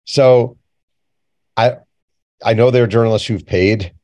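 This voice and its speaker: Here the man's pitch is mid-range and his tone dark, and he talks a little slowly. As an interview guest who writes and reports for a living, he spins casual anecdotes and plainly voices the remembered dialogue he quotes along the way.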